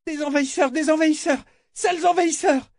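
A man's voice: very high-pitched, fairly even intonation, brisk, no room sound, studio quality, voice pushed up. A man reading an audiobook, voicing a furious, unhinged young woman who shrieks and repeats her words. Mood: shrieking rage. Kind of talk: audiobook character voice.

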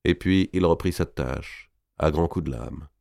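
Low-voiced guy reading an audiobook, dry close sound, steady and measured. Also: creaky, no room sound. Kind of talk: audiobook narration.

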